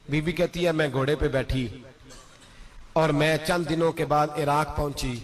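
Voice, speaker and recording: A man delivers a sermon in a high-pitched voice. He retells a moral story with rising, emotional exclamations. His delivery is impassioned and preacherly. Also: a bit bright.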